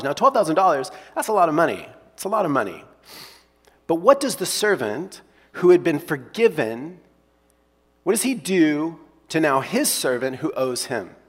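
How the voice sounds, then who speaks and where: Husky-voiced preacher in a reverberant hall. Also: male voice, a little high. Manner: emphatic, repeats key phrases, drops to hushed tones. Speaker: pastor. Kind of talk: sermon.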